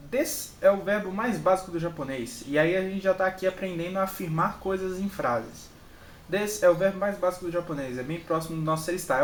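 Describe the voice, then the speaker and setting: A Brazilian man with a Brazilian Portuguese accent and a slightly raised voice talks through his study notes in a relaxed way. He says each example twice and keeps checking that the listener follows. The room is echoey, with a faint hiss behind him. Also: high-pitched. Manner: repeats example words and checks in with "entendeu?". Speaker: channel host and Japanese learner. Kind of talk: casual study walkthrough.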